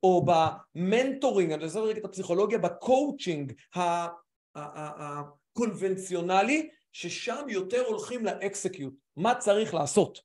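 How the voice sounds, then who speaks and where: A man's voice: high voice, expressive, darkish tone. A man hosting a live online talk as a mental coach, speaking animatedly with frequent restarts and emphatic repetition.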